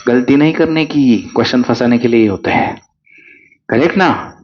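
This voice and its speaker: A male physics teacher with a mid-range voice speaks at normal speed in an exam crash-course lecture, coaxing students through problems with constant questions. The high frequencies of the recording are cut off.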